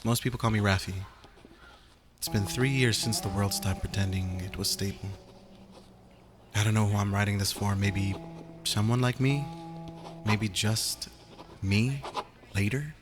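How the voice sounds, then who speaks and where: A man's voice: fairly low pitch, close to an everyday voice. A man playing a weary, wry young survivor in a first-person audio journal drama, hesitant, confiding and informal. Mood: hesitant, reflective. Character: young Filipino male zombie survivor, weary, wry, self-deprecating.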